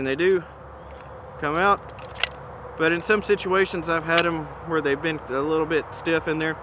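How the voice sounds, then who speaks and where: A man giving a casual, easygoing product comparison as a presenter, speaking in an informal, measured and opinionated way. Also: fairly high pitch. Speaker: gun reviewer and presenter. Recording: noisy outdoor recording with ambient hum.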